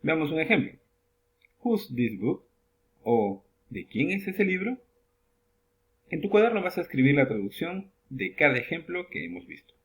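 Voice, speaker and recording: A man teaching English in a lesson, slowly spelling out example questions and then translating them, announcing each new word with a sing-song lift. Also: fairly high pitch, big pitch swings. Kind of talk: classroom lesson narration.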